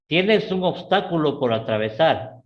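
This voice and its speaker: A middle-aged man with an Ecuadorian Spanish accent teaching a live class, often checking in with his students and rising sharply in pitch on key words. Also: measured pace, dull audio. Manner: repeats "¿sí?" and "¿no es cierto?" to check on students; lively, with sudden rises in pitch.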